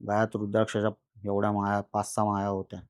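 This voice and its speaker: A man recounting a first-person horror experience in a podcast conversation, animated and repetitive with dramatic pauses. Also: lowish voice, no room sound, studio quality. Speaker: guest storyteller.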